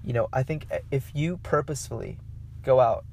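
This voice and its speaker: A man's voice: medium pitch, normal speed, creaky, a little mellow, a little hiss or hum. A man hosting a casual solo podcast, talking to his listeners in a rambling, conversational way with lots of fillers and restarts. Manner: rambling and conversational, with many fillers and self-corrections; addresses listeners directly. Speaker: podcast host.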